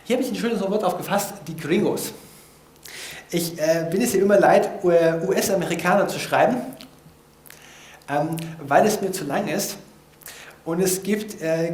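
A language learner presents his vocabulary notes in an informal setting, explaining foreign words while thinking aloud with frequent hesitations. His voice is high-pitched and a little mellow, at a moderate pace, in an echoey room.

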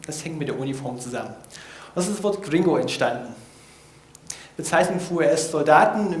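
His voice is a little high and somewhat dark as this language learner informally explains foreign vocabulary, thinking out loud and hesitating often. The room echoes noticeably.

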